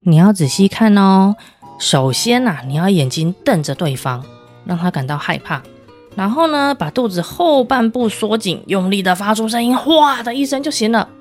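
Woman playing a proud big male tiger in a kids' storybook, blustering and loud-mouthed. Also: medium pitch, animated, moderate pace, soft background music, lightly acted. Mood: boastful. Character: boastful strong male tiger, later furious.

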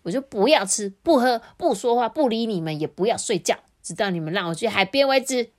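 A woman voicing a stubborn little boy dinosaur who whines loudly and insists on his way. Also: fairly high pitch, expressive, brisk, voice pushed up, lightly acted. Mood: sulking. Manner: whiny, loud and insistent.

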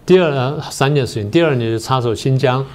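An older man, a political science professor and guest on a talk show, explaining history in a slow, methodical way. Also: mid-range voice, darkish tone. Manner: methodical, explains step by step with many pauses.

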